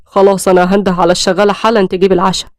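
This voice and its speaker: A courteous young husband with an Egyptian accent, calm and reassuring in every word, as a woman reads him. The voice comes quick and close, with a dry sound and no room around it. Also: medium pitch, no echo, natural voice. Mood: gentle. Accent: Egyptian Arabic.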